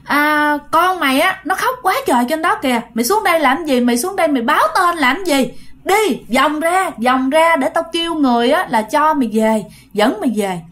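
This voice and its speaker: A woman's voice: a little high, expressive, normal speed, hardly any pauses, lightly acted. A woman with a Southern Vietnamese accent voicing a harsh, scolding elderly grandparent spirit in a spoken ghost story.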